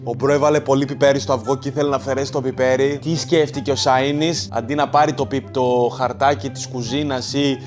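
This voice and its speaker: Excitable young Greek man reacting to clips. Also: medium pitch, soft background music. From Greece. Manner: excitable, slangy, swings from loud outbursts to hushed talk. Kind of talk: casual reaction commentary. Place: home, kitchen and living room.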